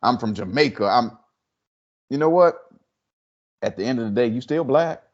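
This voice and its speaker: A man co-hosting a casual discussion, starting hesitantly with restarts and growing forceful. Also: mid-range voice, lively intonation, normal speed, lo-fi sound. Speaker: podcast co-host.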